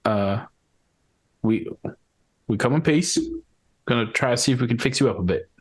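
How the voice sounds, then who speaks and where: A man's voice: mid-range voice, animated, moderate pace, breathy edge, poor audio. A man playing a tabletop game, chatting informally and hesitantly as he thinks aloud. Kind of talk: casual in-game chat.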